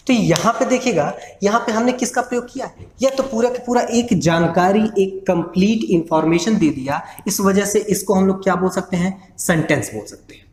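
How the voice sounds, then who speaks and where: A male teacher giving an online English grammar lecture in Hindi. He asks his class questions and then answers them himself. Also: sits high. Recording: echoey room with faint noise.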